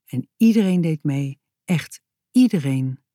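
Slow, expressive woman reading a children's story. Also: low voice, dry recording, clean studio sound. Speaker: author reading her story.

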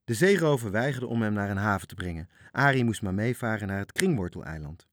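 A man reads a storybook aloud in a low, measured voice. He reads with expression, and the recording is dry and close. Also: expressive, fairly bright tone, no echo. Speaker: narrator. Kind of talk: storybook reading.

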